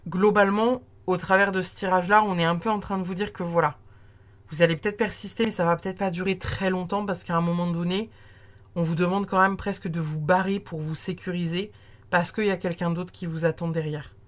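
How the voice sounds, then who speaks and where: A woman giving a casual tarot reading, chatty and warm in tone, with many fillers and restarts. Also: fairly low pitch, steady tone, a little fast. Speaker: tarot card reader.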